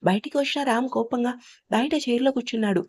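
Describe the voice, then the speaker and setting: A woman storyteller giving a steady scripted narration of an audio story. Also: a little high, fast.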